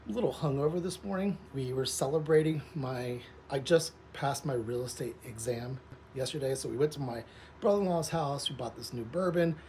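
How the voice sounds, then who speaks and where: A man in his forties with a mid-to-low everyday pitch talks to camera like a vlogger. He rambles informally from one thought to the next. The recording is made outdoors, with clear ambient noise around the voice. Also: fairly quick, darkish tone. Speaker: vlogger, social media content creator. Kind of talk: casual vlog chat to camera. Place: outdoors, in a pool.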